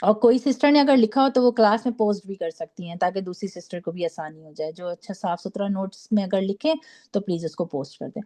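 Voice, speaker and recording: Mellow-voiced woman teaching recitation. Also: medium pitch. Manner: patient, repeats syllables slowly, checks with "theek hai?". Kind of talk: online class lesson.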